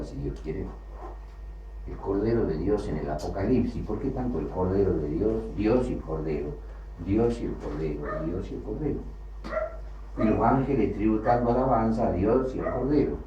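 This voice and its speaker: A man's voice: low-pitched, lively intonation, moderate pace, mellow. A man teaching a sermon on the Bible, building his points through repeated phrases and rising emphasis. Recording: distant, roomy, dull lo-fi with faint hiss.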